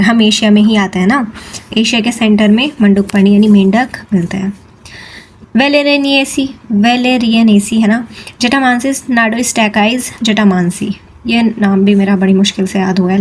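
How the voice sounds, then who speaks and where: A young woman tutoring in a chatty, playful way, drilling terms slowly and repeating them, mixing Hindi with English terms. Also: medium pitch, darkish tone, a little hiss or hum. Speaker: Ayurveda tutor. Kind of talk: informal exam-prep lesson.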